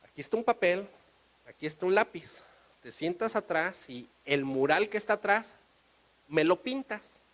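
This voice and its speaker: A man's voice: high voice, animated, normal speed, a bit bright, voice pushed up. A man doing a curt customs officer. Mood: commanding. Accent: Mexican Spanish. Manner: curt, stubborn.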